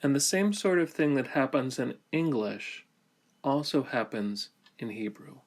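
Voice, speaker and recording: A man with a mid-range voice teaches a grammar lesson, explaining each step in slow, deliberate phrases broken up by many pauses.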